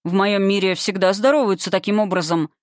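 A woman's voice: mid-range voice, a little fast, no echo, studio quality, natural voice. A woman voicing a mocking, playful young male creature of living darkness in an audiobook. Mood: indignant. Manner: teasing, playful.

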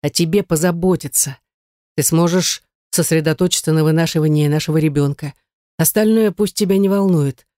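Woman voicing a stern domineering man, low, curt, dark tone. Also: a little fast, no room sound, studio quality, close to an everyday voice. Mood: placating. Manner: curt, commanding, lowered voice.

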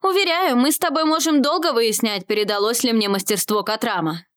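A woman's voice: on the high side, brisk, fairly bright tone, lightly acted. A woman voicing a confident, cocky young male mage in a storybook reading. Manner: cocky, teasing.

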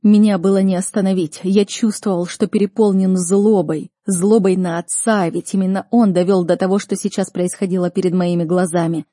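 A woman narrating a first-person audiobook in an earnest, expressive manner. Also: medium pitch, normal speed, few pauses, dry recording, clean studio sound.

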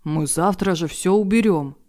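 A woman's voice: low voice, normal speed, warm tone, close to an everyday voice. A woman voicing a flustered male senior hotel administrator with a velvety, soothing voice. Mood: defensive. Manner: velvety, soothing voice turning uneasy.

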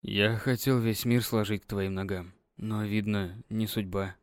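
A woman voicing a brooding, heartbroken young village man who speaks in a hushed, grave and pleading way. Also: extremely low pitch, fairly even intonation, measured pace, dry recording, studio quality, pitched below the performer's own voice. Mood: resigned.

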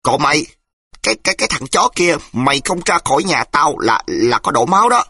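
A man's voice: fairly high pitch, big pitch swings, brisk, pushed and bright, breathy edge, dry recording, studio quality, pitched above the performer's own voice, exaggerated voice. A man voicing a frightened, greedy older man who stammers, his voice breaking. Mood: angry, shaky.

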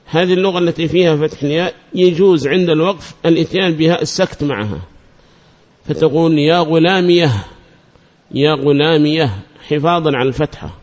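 A man teaching grammar in a fairly high voice, slowing down to repeat every example with care. He sometimes chants lines of verse. The recording is dull and lo-fi. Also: a little mellow. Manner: repeats examples slowly and deliberately. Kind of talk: explaining a grammar poem.

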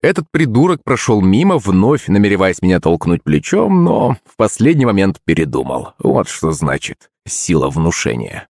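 A man's voice: low voice, huge pitch swings, normal speed, vocal fry, hardly any pauses, a little mellow, dry recording, studio quality. A man reading a first-person audiobook story in a wry, ironic manner.

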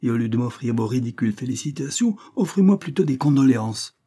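A man reading an audiobook, voicing an irascible, sarcastic older spinster who scolds in loud outbursts. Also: mid-range voice, expressive, fast, slightly rough, pitched above the performer's own voice. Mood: angry. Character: irascible sharp-tongued older spinster woman.

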